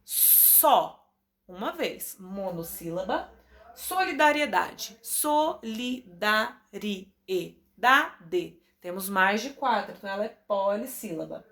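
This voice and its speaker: A woman teacher with a Brazilian Portuguese accent, giving a recorded class to young children and drawing out words slowly to sound out their syllables. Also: medium pitch, expressive. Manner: drawn-out, stretching words to sound them out for children. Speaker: primary school teacher.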